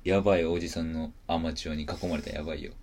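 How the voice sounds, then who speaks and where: A young man with a Kansai accent, co-hosting a casual chat, tossing in quick teasing reactions. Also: rumbling low, steady tone, darkish tone. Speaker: comedian co-host.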